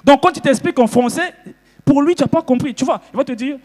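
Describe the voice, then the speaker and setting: High-voiced Congolese stand-up comedian. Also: male voice, fast, long reverb tail. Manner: animated, jumps into loud shouted character bits. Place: festival stage before a live audience.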